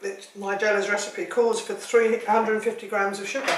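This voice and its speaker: A woman's voice: mid-range voice, level tone, normal speed. A woman giving a cooking demonstration at home, chatty and rambling, with jokey asides. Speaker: home cook. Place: home kitchen. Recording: echoey kitchen with clattering dishes.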